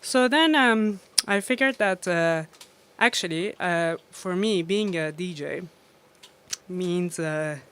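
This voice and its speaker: Speaking slowly in a low-ish but fairly bright, clean voice, an Iranian DJ tells stories as a guest in a relaxed interview. She uses lots of fillers and laughs frequently.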